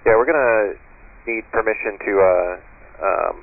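A man's voice: lowish voice, measured pace. A man, an airline pilot, making terse radio calls to air traffic control over his cockpit headset, with hesitant fillers between standard phrases. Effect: pilot's headset radio transmission. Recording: tinny radio link with faint hiss.

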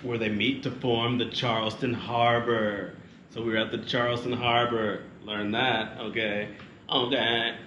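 A man's voice: medium pitch, a little slow, dull audio. A man chatting casually on a family travel vlog, reading facts aloud and joking with a child. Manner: joking, playful, teasing a child. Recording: echoey room with steady background noise.

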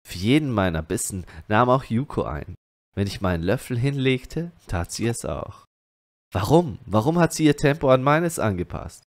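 German let's player reading game text. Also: male voice, lowish voice, no room sound. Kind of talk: reading game dialogue and narration aloud.

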